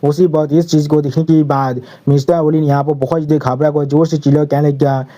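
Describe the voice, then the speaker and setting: Male manga recap narrator, dark and flat, steady storytelling. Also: fairly high pitch, fairly quick.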